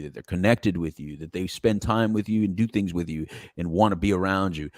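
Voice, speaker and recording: A middle-aged man hosting a podcast in casual chat, animated and rambling, laughing often as he talks. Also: deep voice, no echo, clean studio sound. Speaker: podcast host.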